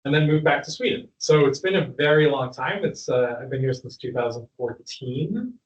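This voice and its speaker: A Canadian man in his thirties speaking to a live audience as the guest, chatty and relaxed, laughing now and then. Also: mid-range voice, moderate pace. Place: room with an audience. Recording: dull, roomy sound from a distant mic.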